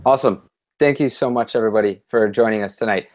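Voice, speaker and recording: A man's voice: on the low side, fast, a little mellow. Hesitant young man hosting a panel. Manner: hesitant, many fillers. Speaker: panel discussion host. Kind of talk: online panel discussion.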